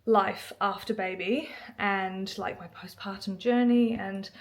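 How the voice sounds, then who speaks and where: A woman's voice: mid-range voice, steady tone, takes it slowly. A young woman, chatting casually through a home vlog, bubbly and filled with "like". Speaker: vlogger. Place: at home indoors.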